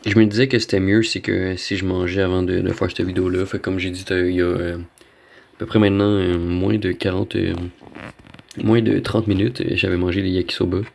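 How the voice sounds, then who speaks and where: A man's voice: low voice, flat delivery, a little fast, vocal fry, darkish tone. A man with a Québécois French accent giving casual, rambling gaming commentary, slangy and dropping in bits of English slang. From Quebec, Canada. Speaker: gamer recording a video.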